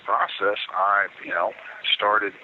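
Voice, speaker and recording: A man whose first language is French, speaking with a pronounced stutter over a prison phone line, halting and repeating words as he goes. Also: lowish voice, level tone. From Baltimore, Maryland. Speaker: prison inmate. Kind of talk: phone interview. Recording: tinny prison phone line, faint hiss.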